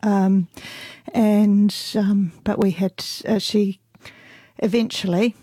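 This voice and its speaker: A middle-aged woman from England, a radio guest chatting casually and hesitantly, with many ums and soft laughs. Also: mid-range voice, fairly even intonation, slow pace, breathy edge, no room sound. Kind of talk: casual interview chat.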